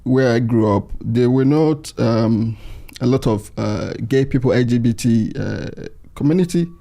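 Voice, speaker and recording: A man's voice: medium pitch, unhurried, gravelly, dark tone. A man from Nigeria, hosting an interview in a hesitant, conversational way. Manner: hesitant, many fillers. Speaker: podcast host.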